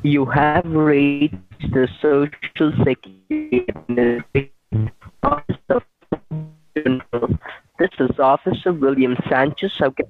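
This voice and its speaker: A man's voice: a little high, animated, takes it slowly, soft background music. A man making a scam phone call, answering insistently with short replies. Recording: tinny phone line.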